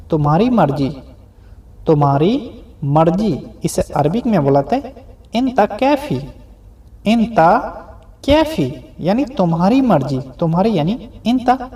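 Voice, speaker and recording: A man teaching a spoken language lesson, repeating each phrase slowly and then breaking it down word by word, often ending with a rising check-in question. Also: a little high, mellow. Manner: ends explanations with a rising "ठीक है?" check.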